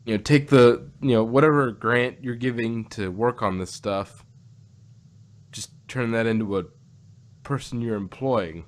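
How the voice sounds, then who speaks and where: Speaking a little slowly in a medium-pitched voice, this man co-hosts a review show covering audio dramas. His casual talk rambles and circles back on repeated phrases, against noticeable background noise.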